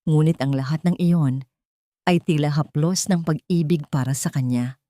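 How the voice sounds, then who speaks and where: A woman with a slightly low, warm voice narrates a scripted romantic drama at a moderate pace. Her delivery is solemn and melodramatic, with carefully placed phrases, and the recording is dry with no echo or room sound.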